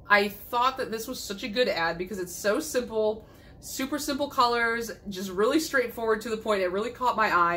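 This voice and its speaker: A woman's voice: medium pitch, bright, forceful tone. Young woman, casual vlog chatter, tired voice she is losing, self-deprecating, laughs a lot. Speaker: nail polish YouTuber.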